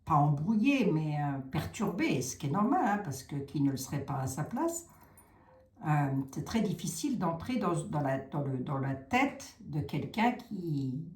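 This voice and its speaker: A woman's voice: low voice, big pitch swings, unhurried, a little mellow, roomy sound. A middle-aged woman giving a casual tarot reading, chatty and frank, with mocking asides. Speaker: tarot reader.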